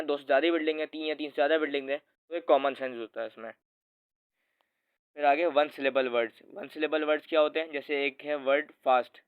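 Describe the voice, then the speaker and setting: A man with a slightly high, clean voice gives a casual English grammar lesson, talking to the viewer like a friend and often correcting himself as he explains. The audio sounds tinny, like a phone recording.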